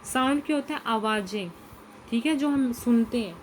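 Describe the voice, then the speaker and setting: A woman teacher who explains a lesson to young children, reading each English line slowly and then asking and answering her own questions in Hindi. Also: on the high side, slight background noise, low-quality recording.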